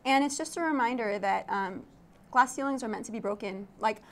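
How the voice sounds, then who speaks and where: A young Iraqi woman, an architect and tech founder, chats animatedly as a guest in a casual interview at an event studio, laughing often. Her voice is on the high side and a little fast.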